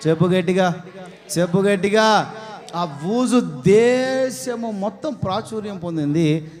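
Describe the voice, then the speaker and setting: Male pastor, fairly high voice, sermon delivery, rhetorical questions, loud calls for response traded with quiet low asides. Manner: rhetorical questions, calls the congregation to answer aloud; swings between loud exhortation and soft low asides.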